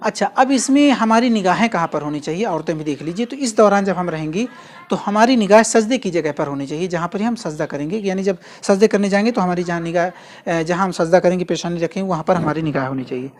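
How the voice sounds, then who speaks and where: A man giving a patient, step-by-step spoken lesson, repeating key phrases slowly and carefully. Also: high-pitched. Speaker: religious instructor. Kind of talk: instructional demonstration.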